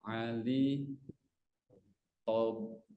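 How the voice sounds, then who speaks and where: A man answering as a student in an Arabic class, repeating drill answers slowly and hesitantly. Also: medium pitch, steady tone, warm tone, lo-fi sound.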